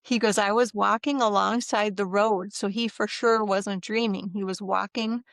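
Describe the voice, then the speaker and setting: A middle-aged woman with a gravelly, fry-touched voice tells a personal story in a relaxed interview. She is animated, breaking into the voices of the people she quotes. The recording is close and dry. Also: mid-range voice, normal speed, no room sound. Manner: animated, acts out quoted voices, laughs often. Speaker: interview guest.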